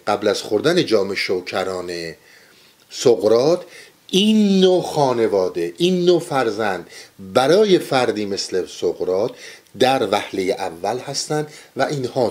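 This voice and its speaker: A man's voice: medium pitch, darkish tone. A man giving a spiritual lecture on mystic poetry, speaking earnestly and urging listeners to pay attention.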